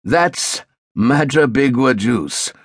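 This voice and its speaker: A man voicing a brisk, commanding naval captain who is curt and impatient with questions. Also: mid-range voice, expressive, fairly bright tone, no echo, studio quality.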